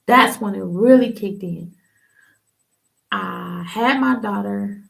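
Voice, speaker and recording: Gravelly young woman telling her story. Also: mid-range voice, slow, a bit bright. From Ohio, US. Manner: casual, candid storytelling with slang and many fillers. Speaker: podcast host telling her testimony. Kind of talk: personal testimony on a livestream.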